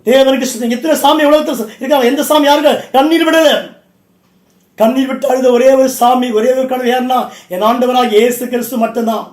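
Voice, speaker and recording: A man's voice: extremely high pitch, fairly even intonation, fairly quick, a little mellow, roomy sound. A man, a bishop, preaching a Pentecostal sermon in a church. He speaks emphatically in short repeated phrases and calls out directly to his listeners.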